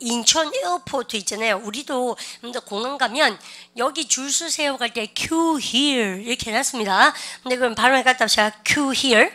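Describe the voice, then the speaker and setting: Female English teacher, fairly high and bright voice, lecturing and drilling phrases. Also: a little fast. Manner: rhetorical questions to students, drills phrases for repetition. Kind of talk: online English vocabulary lecture.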